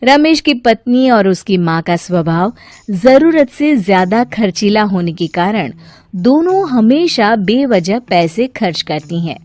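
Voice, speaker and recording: A woman's voice: medium pitch, big pitch swings, a little slow, darkish tone, dry recording. A woman narrator reading a scripted story.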